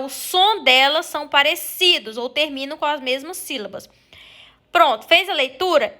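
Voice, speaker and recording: Patient high-voiced Brazilian woman teacher. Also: sharp tone. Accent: Brazilian Portuguese. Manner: patient, slow syllable-by-syllable pronunciation of example words. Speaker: primary school teacher. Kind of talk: remote lesson, step-by-step explanation.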